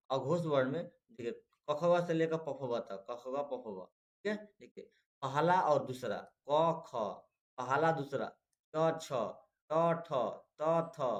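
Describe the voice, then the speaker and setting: A man teaching an exam-prep lesson, repeating each point and quizzing the students with short questions. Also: on the high side. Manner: repetitive, drills and quizzes students.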